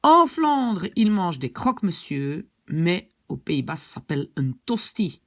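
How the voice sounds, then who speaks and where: This woman's voice sits on the low side, very animated yet unhurried. She is a Belgian Dutch teacher with a Belgian French accent, walking through a language point casually and chattily, adding plenty of examples and asides.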